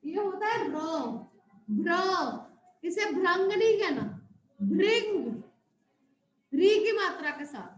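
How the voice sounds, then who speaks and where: Woman teacher, very high voice, unhurried recitation for a primary class, echoey room sound. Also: sing-song. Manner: recites word lists slowly, stretching words, then explains quietly; addresses pupils as children, checks with "right?". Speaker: school teacher. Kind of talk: teaching a Hindi lesson to young pupils. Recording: roomy echo.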